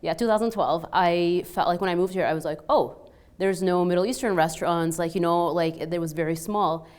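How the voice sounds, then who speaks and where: On a panel, an Egyptian woman in her thirties who owns a restaurant and studies peace tells personal stories in a fast, lowish voice. Her accent is mostly Canadian-sounding with a slight Egyptian Arabic trace. She is animated and chatty, full of "like" and "you know", and acts out the exchanges she quotes.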